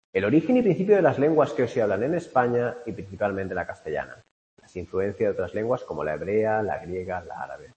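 A man lecturing about a text in a loose, chatty way, dropping asides and checking in with rhetorical questions. His voice sits on the low side. The sound is dull and lo-fi, with a long reverb tail around him. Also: a little mellow. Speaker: teacher. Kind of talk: spoken lecture on a literary text.

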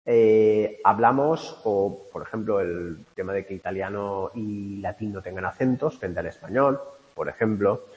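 A man lecturing about a text in a loose, chatty way, dropping asides and checking in with rhetorical questions. His voice sits on the low side. The sound is dull and lo-fi, with a long reverb tail around him. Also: measured pace. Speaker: teacher. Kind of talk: spoken lecture on a literary text.

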